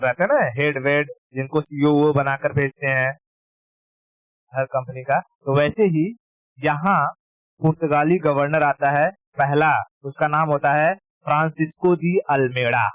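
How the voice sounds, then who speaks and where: A man's voice: a little high, steady tone, a little slow, no echo, poor audio. A man teaching history in a casual exam-prep lecture, informal, repeating key terms and checking that students follow.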